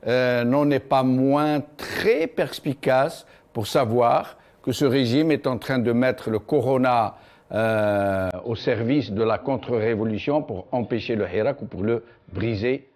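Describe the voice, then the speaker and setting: A man's voice: medium pitch, unhurried, darkish tone. A man hosting a political talk show, speaking formally with many hesitations. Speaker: host.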